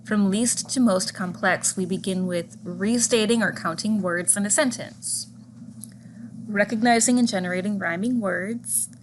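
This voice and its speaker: A woman delivers a scripted lecture in a measured, clear voice of middling pitch. She slows down to spell out example words and single sounds. A steady hum of noise sits behind her voice in the recording. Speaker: teacher educator. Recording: audible background noise.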